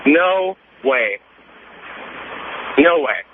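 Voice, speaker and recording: A nineteen-year-old American man calls a radio show for a casual chat, cocky, emphatic and rambling, yet speaking extremely slowly in a sing-song, high-leaning voice. The audio is a narrow, noisy phone line heard on radio.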